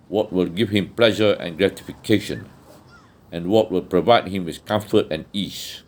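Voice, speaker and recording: A man reading a religious book aloud in a measured, earnest way, now and then restarting a phrase. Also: deep voice. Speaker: audiobook reader.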